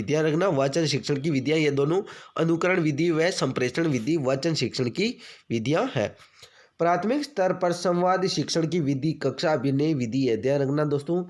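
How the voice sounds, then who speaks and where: A man's voice: on the high side, darkish tone. A male teacher giving an exam-prep lecture. He keeps asking questions, answers them himself, repeats each key fact and keeps calling his listeners friends.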